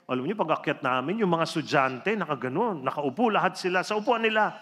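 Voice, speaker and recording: A man, a religion teacher, telling a true story to an audience in an animated, theatrical way. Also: fast. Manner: animated, theatrical storytelling with big swings in pitch and loudness. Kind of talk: inspirational storytelling talk. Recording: reverberant hall with faint background music.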